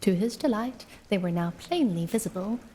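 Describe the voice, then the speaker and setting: A woman reading a bedtime storybook aloud in a soft, hushed, unhurried way, as a whispered role-play. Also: medium pitch, animated, long reverb tail, a little hiss or hum.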